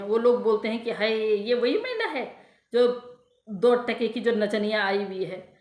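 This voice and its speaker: Scornful ranting woman, echoey room. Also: a little high. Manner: scornful, insulting, repeats herself. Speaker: vlogger. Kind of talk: ranting commentary to viewers.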